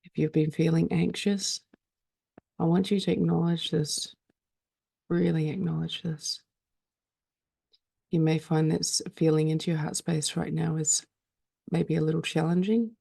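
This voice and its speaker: A woman leads a meditation calmly and soothingly, pausing often between phrases. Her low, mellow voice has a heavy creak at the edges and sounds very close and dry, with no room sound.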